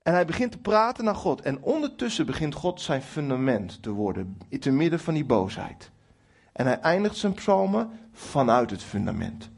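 A man's voice: on the high side, normal speed, creaky, breathy edge. A middle-aged man preaching a sermon to a congregation, speaking emphatically and addressing listeners directly with some humour. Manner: lively, emphatic preaching with acted quotes to God. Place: church hall before a congregation.

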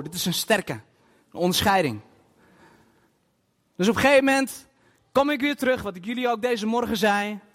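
A man preaching a sermon to a congregation in a church hall, emphatic and animated, with bursts of loud emphasis and English phrases dropped in. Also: extremely high pitch. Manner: scatters English phrases into his talk. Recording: long hall reverb.

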